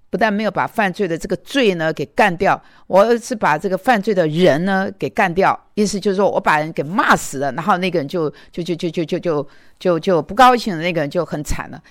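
A woman's voice: lowish voice, dry recording, clean studio sound. Older woman giving a chatty testimony. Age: 60s. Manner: conversational, storytelling with many fillers and repeated words. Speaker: lay preacher. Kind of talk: testimony sermon.

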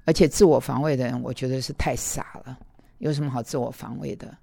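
A man's voice: medium pitch, fairly even intonation, brisk, creaky, dark tone, no echo, studio quality. A man preaching in an earnest, self-critical way, telling personal stories and talking straight to his listeners.

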